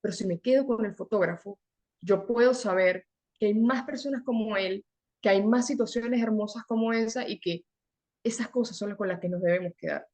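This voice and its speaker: A young adult woman from Venezuela, a guest in an interview, telling her story in an earnest, animated way, often repeating words for emphasis. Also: mid-range voice, normal speed. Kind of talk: conversational interview.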